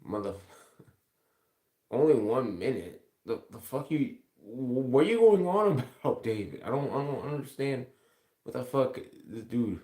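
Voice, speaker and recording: A live streamer from Ontario, Canada chats casually, rambling and swearing heavily as he replies to comments. His mid-range voice is sing-song, a little slow and a little mellow, and the room sounds echoey.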